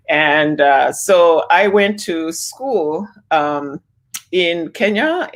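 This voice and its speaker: A low-pitched woman in her sixties, born and raised in Zimbabwe, is an interview guest answering questions over a video call. Her answers are full of fillers and restarts.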